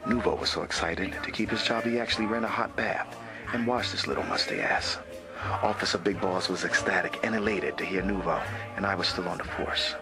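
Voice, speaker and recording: Man as a lowish-voiced, deadpan police detective. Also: fairly quick, natural voice. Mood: wry, deadpan. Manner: deadpan, mock-serious. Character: wry, crude Newark police detective narrating his case. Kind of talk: scripted hard-boiled detective narration. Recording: music behind the voice. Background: music.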